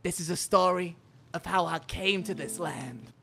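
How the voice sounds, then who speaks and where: Fussy game doorman, man acting, sharp high voice, theatrical, exasperated showman patter. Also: normal speed, gravelly, soft background music, heavily acted. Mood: blustering. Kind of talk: improvised video game role-play.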